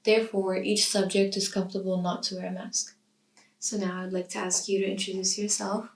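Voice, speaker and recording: A young woman from Iraq, a student interviewer who asks measured questions in an oral history interview. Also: medium pitch, flat delivery. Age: young adult. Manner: reads a scripted intro, then asks measured questions. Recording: roomy sound from a distant mic.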